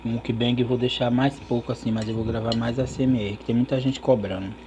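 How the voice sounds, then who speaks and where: A man's voice: medium pitch, steady tone, a little fast, a little mellow. A man chatting casually to his viewers while chewing food, in an eating vlog. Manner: chatty, addresses viewers directly. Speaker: mukbang vlogger. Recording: dull lo-fi recording with faint noise.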